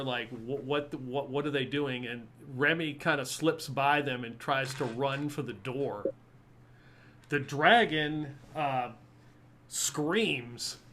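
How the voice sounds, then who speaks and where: A man's voice: fairly high pitch, a bit bright, a little hiss or hum. A man narrating as game master of a tabletop game, rambling with many fillers. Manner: rambling, full of fillers and little laughs.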